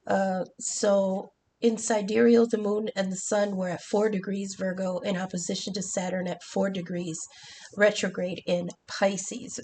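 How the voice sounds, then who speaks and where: In a flat, measured, slightly mellow mid-range voice, with a little hiss or hum in the audio, a tarot reader chats through a tarot and astrology reading. Her voice is congested from the flu, and she fills it with ums, restarts and occasional casual cursing.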